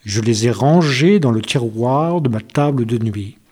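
A man's voice: medium pitch, lively intonation, a little slow, darkish tone, husky. A man voicing a male wolf who has lost his teeth, groaning and fearful, in a storybook reading. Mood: gentle. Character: male wolf, toothless, anxious then tender.

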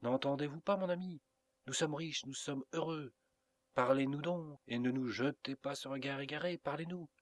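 A man's voice: on the high side, moderate pace, no room sound, pitched above the performer's own voice, close to an everyday voice. A man putting on an anxious pleading wife. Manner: pleading, raised.

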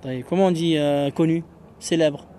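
A man's voice: on the high side, mellow, a little hiss or hum. Man teaching, quizzing his class. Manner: patient, quizzing students with quick questions. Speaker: Arabic teacher. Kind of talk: classroom lesson.

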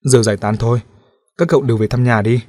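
A male audiobook narrator voicing a calm, kind police captain who speaks gently and in a measured way. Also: mid-range voice, natural voice. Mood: quiet.

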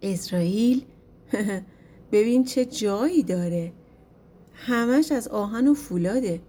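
A stubborn, nosy bald shepherd , voiced by a woman reading a storybook. He pleads and asks question after question. The voice is a little high, soft and mellow, in an audiobook folk tale. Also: lightly acted. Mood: pleading. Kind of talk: storybook narration.

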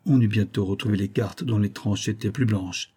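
A man narrating a nineteenth-century novel in a steady, measured read. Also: fairly low pitch, husky. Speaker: audiobook narrator. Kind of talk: scripted narration.

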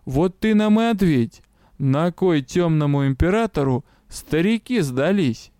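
A man voicing a cunning noble mage who speaks in a soft, innocent-sounding tone. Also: on the high side, expressive, unhurried, clean tone, dry recording, studio quality. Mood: sly. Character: sly noble mage lord posing as a commoner. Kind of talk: audiobook character voice.

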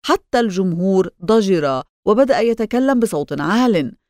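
A woman reading a novel aloud as an audiobook narrator, in a steady, measured way. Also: medium pitch, no room sound, studio quality. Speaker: audiobook reader. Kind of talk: scripted narration.

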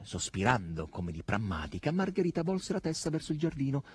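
A man reading a novel aloud as an audiobook, with expressive, dramatic narration. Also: mid-range voice, fairly quick, husky, dry recording. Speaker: audiobook reader. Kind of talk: scripted narration.

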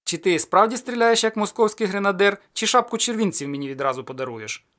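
A man voicing a calm, teasing cossack sorcerer in an audiobook, raised and loud when he dares his guest. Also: sits high, quick pace, voice pushed up. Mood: mocking.

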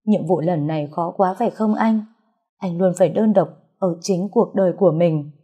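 Woman voicing young pregnant woman, grief-stricken, pleading, husky, low voice, audio story. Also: normal speed, mellow. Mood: grieving, pleading. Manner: sobbing, pleading.

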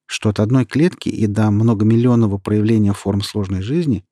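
Guy reading a proud sciencey young woman, husky, explains everything, dry close sound. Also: on the low side, brisk, mellow, no room sound, close to an everyday voice. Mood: explaining. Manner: earnest, explaining at length. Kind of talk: audiobook character reading.

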